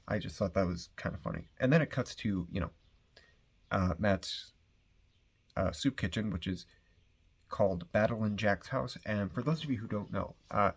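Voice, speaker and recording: A man with a somewhat low, husky voice recaps a comic book plot in an easygoing, rambling way. He fills his talk with loose asides and swears offhandedly. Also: normal speed. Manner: rambling, filler-heavy, swears casually.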